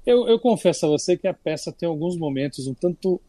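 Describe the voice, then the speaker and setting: A man's voice: on the high side, a little fast, a little hiss or hum. An older Brazilian man, a culture critic, talking casually on a radio segment with frequent restarts. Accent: Brazilian Portuguese. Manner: relaxed, chatty with frequent restarts.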